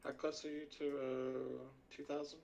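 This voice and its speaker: A man's voice: mid-range voice, little pitch movement, unhurried, vocal fry, a little mellow. A man chatting casually over gaming voice chat, friendly and helpful, often repeating his words.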